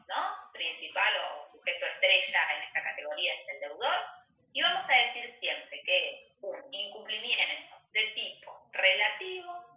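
Woman law lecturer, lively rising pitch, distant tinny classroom sound. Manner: explanatory, checks with frequent "¿sí?". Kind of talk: university lecture. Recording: echoey, phone-like, from far off.

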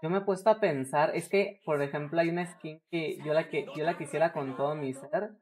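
A woman's voice: low voice, fairly quick, a little mellow. A woman in her twenties with a Mexican accent, chatting and joking around casually while playing a game on stream. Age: 20s. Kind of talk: casual chat while gaming.

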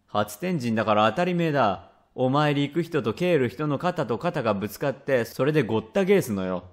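A man voicing a rough, quick-tempered father from old Edo, speaking blunt old Edo Tokyo speech in a rakugo tale. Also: medium pitch, expressive, natural voice. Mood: gruff. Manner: gruff, blunt, grumbling. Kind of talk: rakugo storytelling.

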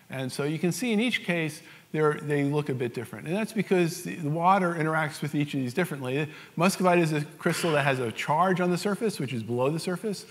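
A man with a New York accent giving a technical science lecture, explaining step by step with many fillers and restarts. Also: a little high. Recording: reverberant lecture hall.

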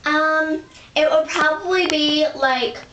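A woman voicing a laid-back, sentimental female pig who talks in a slow, hesitant way, in a roomy, distant home recording. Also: high-pitched, fairly even intonation, highs cut off, noisy background. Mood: dreamy.

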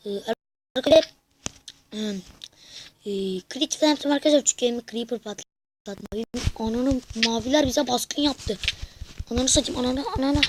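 A woman with a fairly high voice narrates her gameplay live for her YouTube viewers. She is excitable, curses at her opponents, and swings between shouts and hushed whispers. A faint hiss sits under the recording. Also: moderate pace, long pauses, poor audio. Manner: excitable, swears and shouts at the game, drops to whispers. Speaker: gaming YouTuber.

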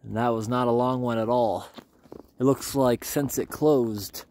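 A man's voice: mid-range voice, steady tone, a little slow, darkish tone, slight background noise. A man exploring abandoned railroad tunnels on foot, chatting casually to viewers as he walks. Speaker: urban explorer vlogger. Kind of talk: walking commentary.

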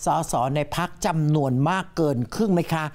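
Fast-talking woman hosting a talk show. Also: low-pitched, darkish tone. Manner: pressing, probing questions. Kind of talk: studio talk show interview.

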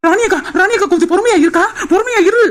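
A woman's voice: extremely high pitch, very fast, background noise. A woman voicing a sly, fussing village woman in a cartoon, with a Tirunelveli Tamil accent. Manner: fussing, sneaky asides.

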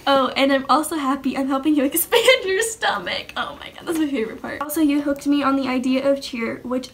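A woman's voice: high-pitched, a little fast. A teenage girl vlogging casually on a handheld camera, bubbly, giggly and a little dramatic. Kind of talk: casual vlog chat. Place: home and mall.

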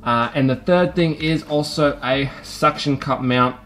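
A man's voice: medium pitch, a little slow, a bit bright, faint music behind. A young man vlogging at home, casually explaining his camera gear to the viewer with plenty of ums and uhs, recorded on a handheld camera's top-mounted mic. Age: young adult. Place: small home room and garage, indoors. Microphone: handheld camera with top-mounted shotgun mic.

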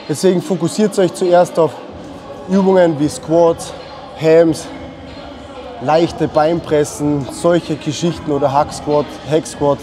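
A man's voice: fairly high pitch, warm tone. A man explaining his leg workout in a casual, instructive way, dropping English gym slang. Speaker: fitness vlogger.

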